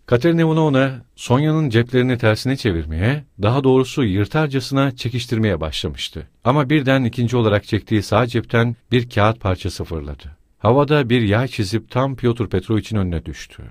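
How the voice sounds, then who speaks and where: A male audiobook narrator reading literary prose dramatically, his voice mid-pitched and lively with wide swings of intonation. The recording is dry and close, with no room sound. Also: brisk, hardly any pauses, no room sound.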